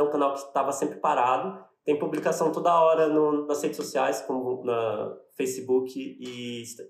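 Hesitant man on an echoey video call. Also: on the high side. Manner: relaxed, hesitant, many fillers like "né". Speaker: double bassist in online panel. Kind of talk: casual online video call discussion.

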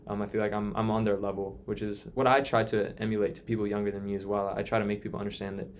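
A young man in his twenties with a fairly low voice talks in an earnest, reflective way, stopping and restarting as he thinks. A faint hiss of noise sits under the recording. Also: little pitch movement, racing. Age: 20s. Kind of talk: casual conversation.

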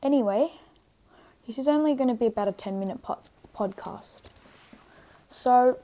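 A young woman sick with tonsillitis, chatting casually and haltingly on a solo podcast, rambling and interrupting herself. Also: on the high side, warm tone. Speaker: podcast host.

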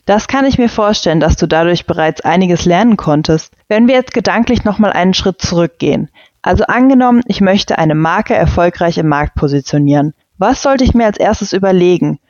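A woman hosting an interview, asking clear, structured questions. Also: fairly low pitch, expressive, fairly quick, a little mellow, no echo, lo-fi sound.

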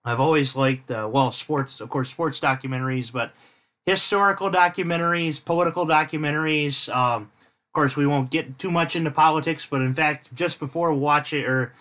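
A man with a high voice hosts a casual podcast, talking in a jokey, rambling way and wandering into tangents. His tone is bright and lively. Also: normal speed. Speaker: podcast host. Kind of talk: casual chat.

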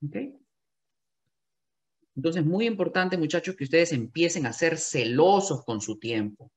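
Emphatic sales coach with a lively voice. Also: mid-range voice, a little slow. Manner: emphatic, repeats key phrases. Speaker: real estate sales coach. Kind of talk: coaching talk to real estate agents.

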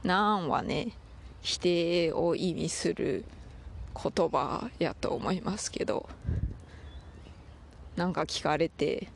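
A podcast host with a Toyama dialect accent talks casually while walking a dog outdoors, with a gravelly, fry-edged voice at an ordinary pitch. The delivery is chatty and playful, full of mock-formal turns of phrase, with a faint outdoor hum behind it. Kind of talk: casual solo podcast chat.

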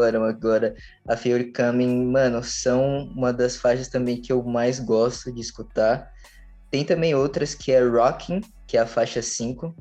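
A young man with a Brazilian Portuguese accent gives a casual music review at a middling pitch. His phrasing is informal and a little hesitant. Soft music sits behind his voice. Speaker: music podcast panelist.

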